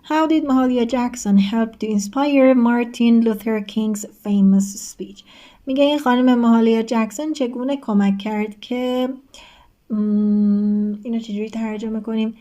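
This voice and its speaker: A woman's voice: fairly high pitch, mellow, muffled recording. A woman teacher explaining a textbook exercise step by step, reading each prompt aloud and giving the answer while speaking directly to her students. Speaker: English teacher. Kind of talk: recorded online lesson walkthrough.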